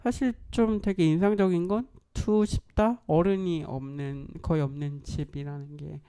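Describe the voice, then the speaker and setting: A woman hosting a radio talk show, thinking aloud in a reflective, unhurried way. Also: sits low, fairly even intonation, warm tone, clear, resonant tone.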